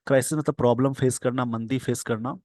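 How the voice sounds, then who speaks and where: A man with an Indian accent teaches English from a newspaper editorial, reading English phrases slowly and explaining them in Hindi. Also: medium pitch, fairly even intonation, a little mellow, dry recording.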